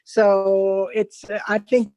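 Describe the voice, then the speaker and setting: A woman speaking as a guest on an online panel over a video call, her audio choppy and cutting out, halting and searching for words. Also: medium pitch, flat delivery, dark tone. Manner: halting, searching for words with many pauses and fillers. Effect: choppy video call audio that keeps cutting out.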